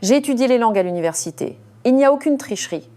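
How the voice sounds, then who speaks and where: A woman voicing a calm, dignified young waitress who answers politely but firmly, in an audio story. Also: on the high side, fast talker, voice pushed up, natural voice. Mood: quiet.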